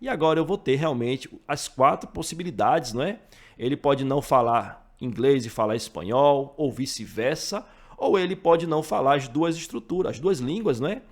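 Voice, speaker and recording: A man with a Brazilian Portuguese accent teaches math for exam prep, explaining the logic step by step through worked examples and often checking in with the listener. His medium-pitched, darkish voice has lively intonation at normal speed.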